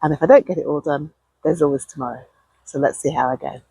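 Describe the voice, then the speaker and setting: A woman speaks in a low, somewhat husky voice. She chats informally to her viewers in a gardening video diary, recorded outdoors with a dry, echo-free sound. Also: fast talker, warm tone. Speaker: allotment gardening vlogger. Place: outdoors on an allotment.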